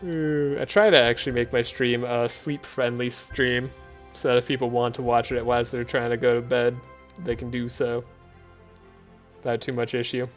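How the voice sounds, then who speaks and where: A man streaming a card game, talking in a soft, relaxed, sleepy way with frequent chuckles. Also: mid-range voice, normal speed, faint music behind. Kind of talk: relaxed gameplay commentary.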